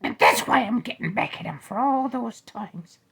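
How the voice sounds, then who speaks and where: A man's voice: expressive, normal speed, gravelly, a bit bright, breathy edge, exaggerated voice. A man voicing a small, cocky, crude male teddy bear in an old-time radio style comedy. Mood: teasing. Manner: boastful, lewd, squealing high.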